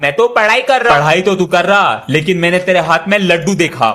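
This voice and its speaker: A young man with a high, bright and forceful voice plays out short comic sketches. He hops between a cheeky kid's tone and the stern voice of a teacher or father. His delivery stays lively and pointed. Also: a little fast. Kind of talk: comic skit acting.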